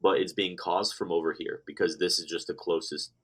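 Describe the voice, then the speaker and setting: A man's voice: low-pitched, steady tone, brisk, slight background noise. A young man co-hosting a casual chat, talking in a laid-back way with lots of filler words. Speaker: podcast co-host.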